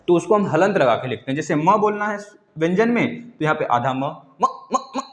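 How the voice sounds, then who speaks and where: Male grammar teacher, fairly high voice, drills and quizzes his class, roomy echo. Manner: repeats key words, quizzes students, calls them "beta". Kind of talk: exam-prep lecture. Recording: echoey room.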